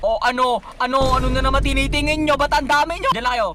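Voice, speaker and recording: A young man doing game commentary, yelling and swearing excitedly at whatever he runs into. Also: extremely high pitch, quick pace, background noise. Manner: excitable, yells and swears at mobs. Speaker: gamer.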